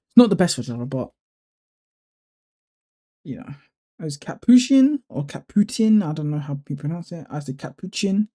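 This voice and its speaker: Man, deep dark tone, relaxed tutorial narrator who thinks aloud. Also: moderate pace, long pauses. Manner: relaxed, thinking aloud with fillers and self-corrections. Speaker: YouTuber walking through a code editor setup. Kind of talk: casual screen-recording tutorial.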